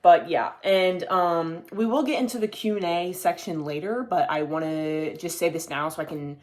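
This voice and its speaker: In a casual solo video chat, a young man rambles to the camera as host of his own podcast, dropping an occasional curse. He speaks at a moderate pace in a fairly high, slightly mellow voice.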